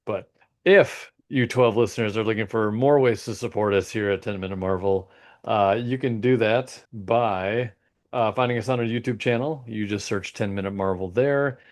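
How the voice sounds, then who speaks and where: A middle-aged man co-hosting a podcast in casual, jokey banter, a bit sleepy and quick to poke fun at himself. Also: lowish voice. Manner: jokey, self-deprecating, laughs often. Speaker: podcast co-host.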